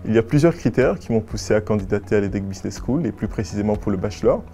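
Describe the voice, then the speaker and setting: A nineteen-year-old man from West and Central Africa, a business school student giving formal, measured and articulate interview answers. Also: on the low side, lively intonation, over loud music. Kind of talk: prepared interview answers to camera.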